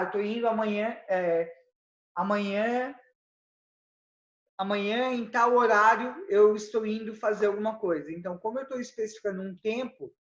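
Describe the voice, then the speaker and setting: A man with a Brazilian Portuguese accent teaching an English grammar lesson, explaining step by step and reading English examples slowly. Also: high voice. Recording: roomy, slightly dull sound.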